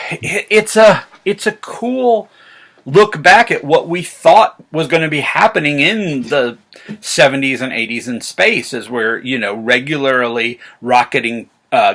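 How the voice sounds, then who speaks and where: An American vlog host who reviews science fiction talks casually to camera, rambling with a fan's excitement. His voice sits at medium pitch and sounds gravelly.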